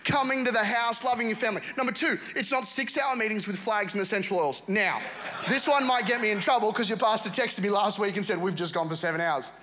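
A man preaching at a revival service, telling funny stories with quick asides and bursts of shouting. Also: high-pitched, a crowd in the background. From England. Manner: humorous, animated storytelling with quick asides. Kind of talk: sermon. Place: church service with congregation.

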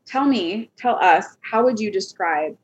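A woman hosting a podcast interview, asking questions in a gentle, hesitant way with frequent filler words. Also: medium pitch, expressive, measured pace, husky. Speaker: podcast host. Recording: dull lo-fi recording.

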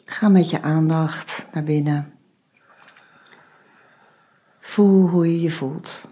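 A woman guiding a meditation, giving slow, soft instructions with long pauses. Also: deep voice, fairly even intonation, husky. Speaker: meditation guide. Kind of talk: guided meditation.

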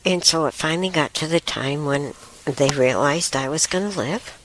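A woman hosting a talk show, telling a spiritual story in a rambling way, with soft whispered asides. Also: low-pitched, normal speed, slight background noise. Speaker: show host.

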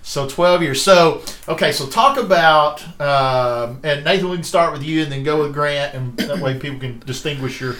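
A man's voice: on the high side, moderate pace, few pauses, fairly bright tone, echoey room. A man hosting a podcast in casual, joking chat, with a playful, teasing way of talking. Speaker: podcast host.

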